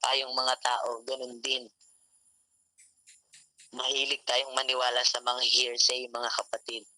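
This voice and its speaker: A man's voice: medium pitch, monotone, unhurried, bright, forceful tone, no echo, soft background music, rough recording. A man giving a Taglish sermon at an online devotion, often repeating "mga kapatid" to his listeners. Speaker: youth devotion speaker. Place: home, online meeting room. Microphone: call mic.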